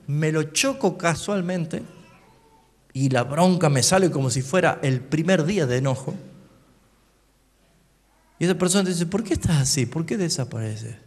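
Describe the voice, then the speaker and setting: A man with an Argentine Spanish accent preaching a sermon as pastor, swinging between quiet asides and loud calls for the congregation to repeat after him. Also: high-pitched. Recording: long hall reverb.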